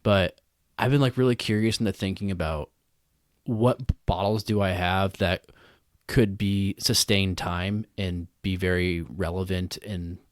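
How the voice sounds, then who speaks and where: A man's voice: low voice, steady tone, unhurried, dry recording, studio quality. A man co-hosting a podcast, chatting casually and rambling with lots of fillers. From United States. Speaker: podcast co-host. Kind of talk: casual chat.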